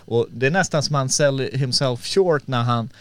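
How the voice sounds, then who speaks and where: A man's voice: medium pitch, fairly bright tone, dry recording. A man in casual podcast chat about fights, talking loosely and mixing English phrases into his speech.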